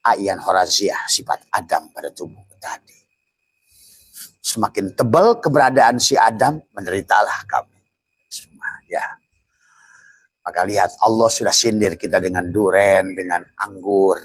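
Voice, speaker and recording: A man's voice: fairly low pitch, husky, no echo, rough recording. An older man giving a spiritual teaching, chuckling often and dropping into whispered asides. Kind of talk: Sufi religious teaching.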